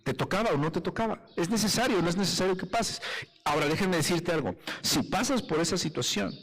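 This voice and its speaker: A man's voice: high voice, expressive, fast talker, fairly bright tone, in a large hall, rough recording. A man with a Mexican accent, preaching a live sermon as pastor and putting rhetorical questions to his congregation. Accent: Mexican Spanish.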